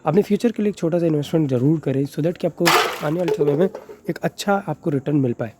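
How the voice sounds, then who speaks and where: In a very noisy recording, a man with a fairly high voice talks fast as he explains things to his viewers. He's a crypto video creator with a sore throat, so he keeps his voice soft, and his chatty Hindi-English is packed with fillers.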